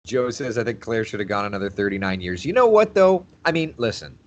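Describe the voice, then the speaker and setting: A man's voice: on the low side, animated, brisk. A man in his thirties, a TV meteorologist hosting a casual livestream, chatting and reading out viewer comments. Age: 30s. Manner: chatty, laughs easily, repeats phrases. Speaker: TV meteorologist host.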